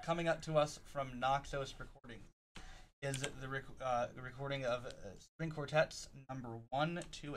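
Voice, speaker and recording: A man hosting a casual news rundown, halting often with fillers and restarts. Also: mid-range voice, fairly bright tone, slight background noise, low-quality recording. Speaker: podcast host.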